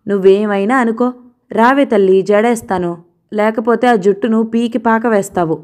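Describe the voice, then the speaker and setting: A woman voicing a fiery, sharp-tongued old grandmother who scolds and curses. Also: fairly high pitch, normal speed, lightly acted. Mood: teasing. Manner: scolding, sarcastic, heaping curses.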